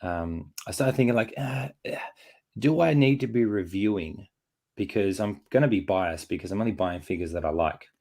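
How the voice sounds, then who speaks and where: A man's voice: low-pitched, expressive, fairly quick, dark tone. A man hosting a casual chat, rambling with many restarts while getting over a chest infection. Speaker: host.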